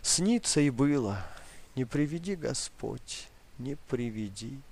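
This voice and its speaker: A man's voice: mid-range voice, animated, slow pace. A man voicing a wailing old grandmother. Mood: subdued. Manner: wailing, lamenting in her sleep; soft, guilty murmur when awake. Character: old village grandmother, grieving, haunted by wartime hunger. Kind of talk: audiobook reading.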